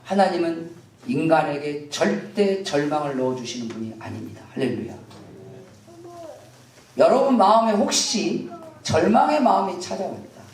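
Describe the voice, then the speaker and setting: Woman preaching with lively pitch swings. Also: normal speed. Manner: impassioned preaching, acting out biblical dialogue. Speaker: pastor. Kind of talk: sermon. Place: church sanctuary. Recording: echoey church, from a distance.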